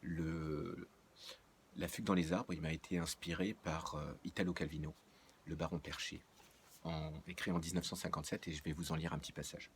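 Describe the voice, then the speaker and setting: A man's voice: a bass voice, normal speed, slight background noise. A man, the author, casually introducing the children's novel he is about to read aloud. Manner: relaxed, conversational introduction with fillers. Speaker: author reading his own book.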